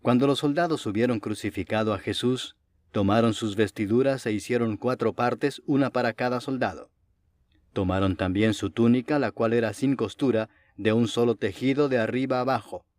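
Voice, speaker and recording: A man narrates scripture in a steady, even reading voice. His pitch sits in the middle range. The recording is dry and close, with no room echo. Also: normal speed. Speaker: Bible reader.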